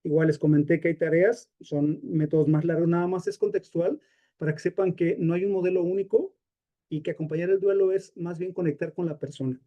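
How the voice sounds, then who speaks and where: A man's voice: on the high side, steady tone, fairly quick, muffled recording. A man with a Mexican accent teaching a live workshop on grief, talking in a conversational way with many fillers and personal examples. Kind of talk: live masterclass lecture.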